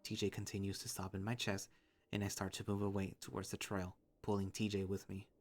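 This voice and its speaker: A young man reading a visual novel aloud in first person, with steady, earnest storytelling. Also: deep voice, a little fast.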